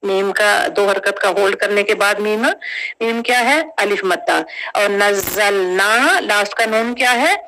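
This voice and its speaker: A woman teaching Quran recitation rules, drawing out syllables slowly and patiently, often asking her students check questions. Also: mid-range voice, bright, forceful tone, rough recording. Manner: drawn-out syllables, patient step-by-step explanation with frequent check questions. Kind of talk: tajweed lesson, slow spelled-out recitation.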